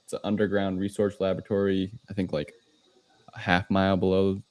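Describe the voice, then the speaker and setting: The podcast host's voice sits low and darkish, monotone and fairly quick, with no echo around it. He runs through a casual film recap, explaining loosely, informally, and with some hesitation.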